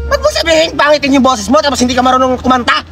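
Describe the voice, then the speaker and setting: A man voicing a bossy older woman who hands out gifts, scolding loudly and dramatically over music. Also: extremely high pitch, sing-song, racing, vocal fry, heavily acted. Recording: music playing behind.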